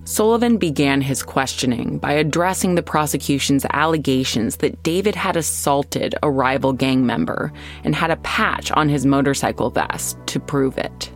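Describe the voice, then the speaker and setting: An American woman hosting and narrating a scripted true-crime podcast in a measured storytelling way with deliberate pauses. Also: very deep voice, soft background music.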